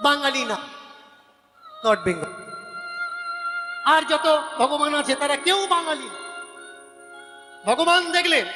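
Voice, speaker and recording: A man's voice: very high voice, long reverb tail. A man with a Bengali accent preaching a devotional sermon, arguing his points and correcting how words are pronounced. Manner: argumentative, corrects word pronunciation emphatically. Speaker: religious preacher.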